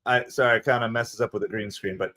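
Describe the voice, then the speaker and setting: A man from New Jersey with a Jersey accent, hosting a live fan stream with chatty play-by-play and shout-outs to viewers. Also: lowish voice, quick pace. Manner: excitable, chatty, thanks viewers by name. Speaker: livestream host. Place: home streaming setup with green screen.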